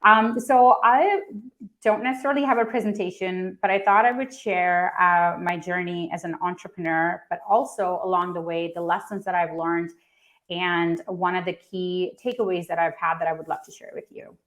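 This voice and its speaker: At a startup event, a Pakistani founder in her thirties shares her personal story conversationally, full of fillers and restarts. Her voice sits on the low side and is a bit bright, with a steady tone and moderate pace.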